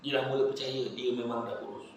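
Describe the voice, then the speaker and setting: A man preaching with a Malaysian Malay accent, giving a humorous religious talk to a live audience, telling animated stories and joking. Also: mid-range voice, quick pace, a little hiss or hum. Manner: animated joking storytelling, laughs often. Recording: very echoey hall.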